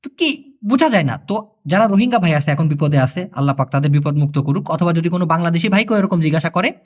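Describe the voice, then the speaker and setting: A man from Bangladesh gives a casual language lesson in a fairly high voice. His pitch swings widely as he explains, and he repeats phrases slowly and quizzes his listeners as he goes. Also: lively intonation. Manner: explains patiently, repeats phrases slowly, asks the viewer questions. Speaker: language tutor.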